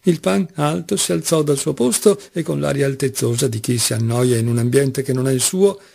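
Gravelly male audiobook narrator. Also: medium pitch, moderate pace, a little mellow. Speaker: audiobook reader. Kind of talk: classic novel narration.

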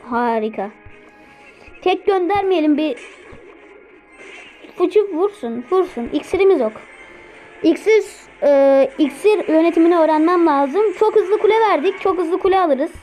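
A woman giving live gameplay commentary, excitable, talking to herself and repeating words as she plays. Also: extremely high pitch, a little slow, long pauses, faint music behind, rough recording. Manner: excitable, talks to herself while playing. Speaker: gameplay streamer.

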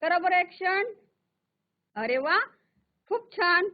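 Slow, patient high-voiced woman teacher. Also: expressive. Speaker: primary school English teacher. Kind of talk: virtual classroom lesson for young children. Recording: tinny phone-like audio.

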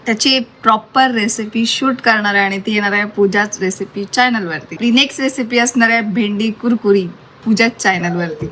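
A woman's voice: mid-range voice, normal speed, a bit bright, a little hiss or hum, low-quality recording. A woman co-hosting a casual family vlog at home, answering in brief, offhand remarks. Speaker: co-host, cook.

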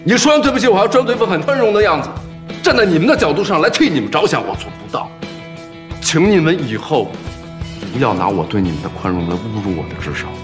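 A severe male company president, cold and cutting. He talks quickly with a lively, rising pitch. A music score runs underneath. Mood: cold anger. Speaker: company boss. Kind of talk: TV drama acting.

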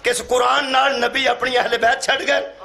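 A man preaching a sermon, acting out dialogue and rising to shouts. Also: very high-pitched, level tone, moderate pace, gravelly. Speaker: Shia cleric giving a majlis sermon. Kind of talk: sermon to a live gathering. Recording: live hall with loud crowd. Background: crowd responses.

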